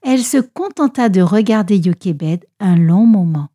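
A woman narrating a children's Bible story in an expressive, animated way. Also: mid-range voice, moderate pace, no room sound, clean studio sound.

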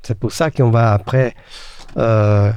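A man teaching the Bible in a relaxed conversation. He speaks earnestly and asks rhetorical questions, with frequent fillers and restarts. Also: medium pitch, takes it slowly, smooth, dry recording, highs cut off.

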